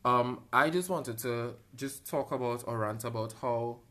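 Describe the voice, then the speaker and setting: A man's voice: mid-range voice, measured pace, a bit bright. A man co-hosting a podcast, chatting casually and often hesitating with "um". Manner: hesitant, many "um" fillers. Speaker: podcast co-host. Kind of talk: casual chat.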